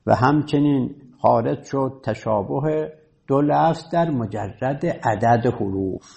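Raspy male teacher lecturing a class, slow careful explaining. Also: mid-range voice, darkish tone. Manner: explains patiently, reads Arabic text slowly. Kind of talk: classroom lecture on Arabic rhetoric.

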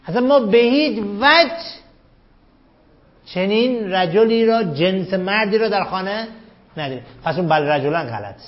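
A man teaching a grammar class. He reads quoted lines slowly and loudly, questions the students and calls them "sir" and "dear". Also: high-pitched, animated, muffled recording. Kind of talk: classroom lesson, reading a text aloud and explaining it.

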